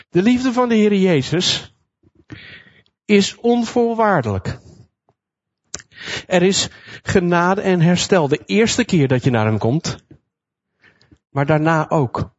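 Male preacher, fairly high voice, vivid storyteller who acts out quotes; slightly dull recording. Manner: lively storytelling, acting out quotes. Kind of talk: sermon retelling a Bible passage.

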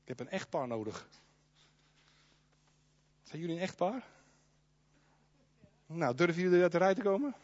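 A male pastor delivers a sermon, animated and emphatic, talking straight to the people in the pews. His voice sits high and moves widely in pitch. The recording is dry and slightly lo-fi. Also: normal speed, pauses often. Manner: animated, emphatic, addresses the congregation directly.

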